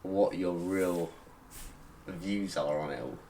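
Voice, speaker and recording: A man's voice: deep voice, slow, dark tone. A young man co-hosting a podcast, blunt and opinionated, swearing constantly in casual chat. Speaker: podcast co-host.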